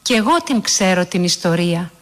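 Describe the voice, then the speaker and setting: A woman's voice: lowish voice, big pitch swings. A woman voicing a curious eight-year-old girl who asks eager questions in a storybook reading. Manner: inquisitive, chatty.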